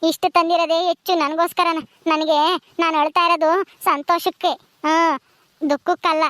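A woman's voice: very high voice, flat delivery, moderate pace, fairly bright tone, dry recording. A woman playing a humble young housemaid who pours out emotional thanks in a home comedy skit. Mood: tearful.

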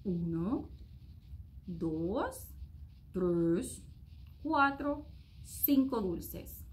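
A woman voicing a pea father in a children's story, speaking in a firm, slightly lowered parental tone. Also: animated, very slow.

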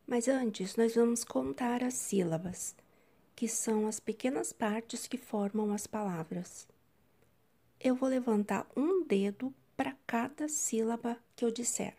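A woman teacher records a lesson at home for young pupils. Her voice sits somewhat high, and she speaks slowly. She breaks each word into separate syllables so children can count along. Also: warm tone. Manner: slow, clearly syllabified speech to young pupils. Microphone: home-recorded video.

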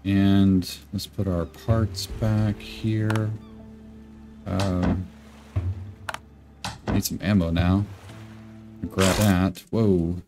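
Low-voiced man with a sick, rough voice. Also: flat delivery, drawn-out words, long pauses. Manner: rambling, thinking aloud while playing. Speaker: gaming YouTuber. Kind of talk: casual gameplay commentary. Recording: game music playing behind. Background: game music.

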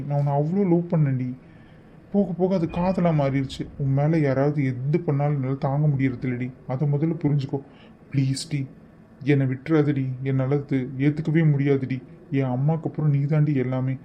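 A man's voice: fairly high pitch, muffled recording, a little hiss or hum, natural voice. A man voicing an obsessive male kidnapper in a cartoon, who talks in a wheedling, possessive way, scolding and then pleading. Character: obsessive male kidnapper pressing a married woman to wed him. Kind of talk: animated cartoon voice acting.

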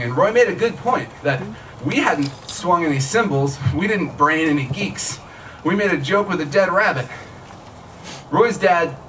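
On a small tent stage outdoors at night, a man in his thirties reads his own short fiction conversationally, like telling a story, in a slightly high, sharp voice. The recording comes from a camera among the audience capturing his stand microphone, so it sounds distant and noisy.

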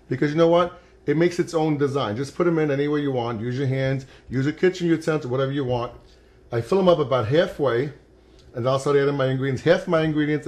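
This older man has a mid-range, darkish voice. Hosting an informal cooking demonstration at home, he talks as he works, keeping things chatty and encouraging for viewers.

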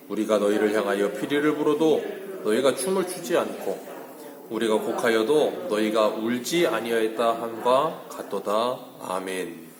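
A male pastor preaching an early-morning sermon, asking rhetorical questions and moving between hushed and emphatic delivery. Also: on the low side, echoey room. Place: church sanctuary.

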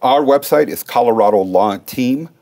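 A man's voice: medium pitch, moderate pace, mellow. A middle-aged man from Russia, an attorney talking as a guest in an interview, explaining firmly with everyday examples. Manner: explains with everyday analogies, firm. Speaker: education law attorney, guest. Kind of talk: interview conversation.

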